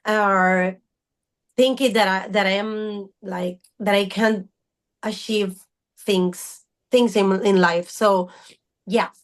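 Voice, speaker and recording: Slow-talking earnest woman in her thirties. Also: mid-range voice, fairly even intonation. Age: 30s. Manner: earnest, searching for words as she talks. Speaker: podcast guest, fitness coach. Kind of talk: casual interview talk.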